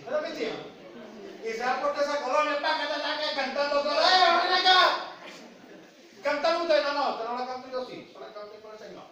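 A male pastor with a Venezuelan accent preaching a lively sermon, full of boxing and vendor sound effects. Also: very high-pitched, quick pace, recorded from a distance. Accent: Venezuelan Spanish. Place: church. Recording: echoey church hall, voice from afar, congregation audible.

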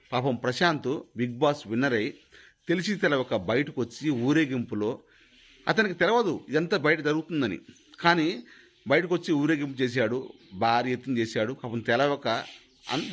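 A man's voice: mid-range voice, expressive, brisk, a bit bright. Angry threatening man. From Khammam, Telangana. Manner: angry, threatening, repeats himself. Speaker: video creator. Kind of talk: angry direct-to-camera rant.

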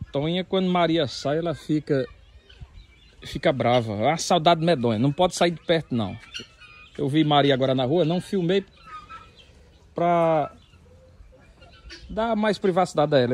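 Laughing often, a man vlogs outdoors in a chatty way, narrating casually from the rural sertão and a car. His voice is a little high, with a darkish tone.

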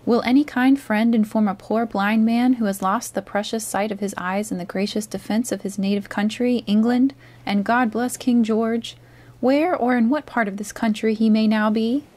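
A woman's voice: fairly high pitch, fairly even intonation, moderate pace, natural voice. A woman doing a cruel blind old beggar. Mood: wheedling. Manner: sing-song, soft-spoken then cruel and cold. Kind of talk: storybook read-aloud.

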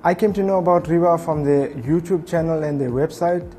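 A man's voice: a little high, fairly quick, warm tone, slight background noise. A man from Botswana giving an articulate interview testimonial in a studio on a lapel mic. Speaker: training course participant. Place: indoor studio with grey backdrop. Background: music bed.

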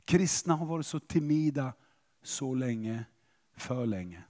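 Lively preaching man in a reverberant church. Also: medium pitch. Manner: animated, questioning the audience. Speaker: pastor. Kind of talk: sermon.

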